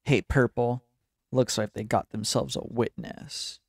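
A man voicing a snarky, boastful male bandit in a game, talking in a slow sneer. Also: mid-range voice, steady tone, slightly rough, no room sound, clean studio sound. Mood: gloating. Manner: sneering, drawn-out.

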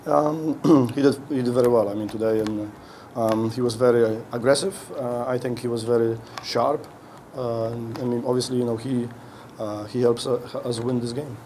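A middle-aged head coach fields post-game questions from a podium in an indoor press room, speaking into a mic on a stand. His dark, mellow, mid-range voice stays fairly even, and he keeps halting and restarting as he hunts for words over faint background noise.

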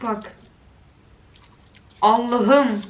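A woman's voice: on the high side, steady tone, extremely slow, dull audio. Chatty woman cooing at clips. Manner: chatty, coos doting exclamations at clips. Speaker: video creator. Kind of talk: casual reaction commentary. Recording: echoey room with faint noise.

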